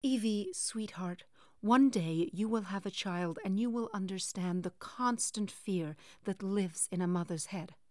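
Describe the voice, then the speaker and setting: A woman's voice: mid-range voice, a little slow, hardly any pauses, darkish tone, no room sound, studio quality, close to an everyday voice. Woman reader voicing a cold, clipped, stubborn mother.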